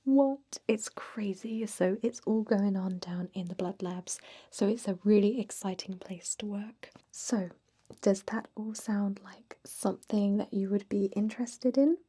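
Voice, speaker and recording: In an ASMR job-interview roleplay, a woman plays a friendly female vampire, whispering softly and breathily in a dark, mellow tone at medium pitch and a measured pace. Gentle, chatty and encouraging, she sounds like an ageless immortal putting a recruit at ease, excited and welcoming.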